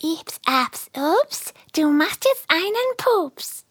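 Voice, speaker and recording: A woman's voice: very high-pitched, lively intonation, takes it slowly, a bit bright, no echo, voice pushed up, full character voice. A woman voicing a small mischievous male sprite who plots pranks in sly, giggly asides. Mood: chanting.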